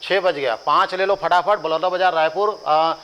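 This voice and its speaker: A man's voice: high-pitched, fairly even intonation, moderate pace, fairly bright tone, smooth, dull audio. A man with a Chhattisgarhi accent teaching a coaching class, drilling lists by rhythmic repetition with joking asides to students. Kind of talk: classroom lecture with chanted drills.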